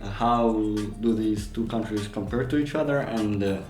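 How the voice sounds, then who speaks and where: A man's voice: fairly low pitch, normal speed, darkish tone. A man interviewing someone, asking long questions in a hesitant, wordy and roundabout way. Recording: roomy echo, music behind.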